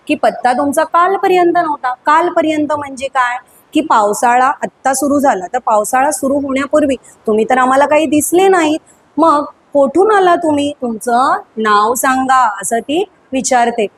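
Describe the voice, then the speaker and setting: A woman teacher singing a children's poem slowly, then explaining it briskly to children with many questions. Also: sits high, rough recording. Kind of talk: school poem lesson, sung then explained. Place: school classroom.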